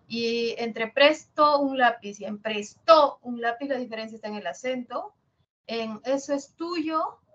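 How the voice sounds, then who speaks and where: A woman's voice: a little high, lo-fi sound, slight background noise. A woman teaching a language lesson, explaining patiently and checking in with her students as she goes. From Peru. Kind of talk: online class lecture.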